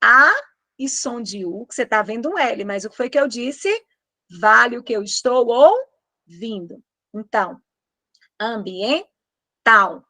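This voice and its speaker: A woman's voice: a little high, a little slow, sharp tone, dry recording. A Brazilian woman teaching Portuguese in an online exam-prep lesson, emphatic, drawing out her example words.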